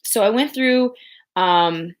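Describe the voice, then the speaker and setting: A young adult woman hosting a podcast in casual chat, rambling with many pauses and restarts. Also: medium pitch. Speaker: podcast host.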